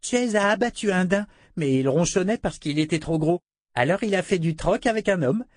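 A man's voice: lively intonation, moderate pace, no echo. A man voicing a small, chatty little girl who adores her rescuer, in an audiobook reading. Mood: eager. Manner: high, eager childlike chatter.

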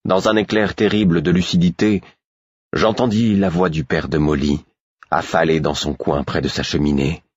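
A man reading an audiobook, giving slow, expressive first-person narration. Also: low-pitched, husky, dry recording, muffled recording. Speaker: audiobook reader.

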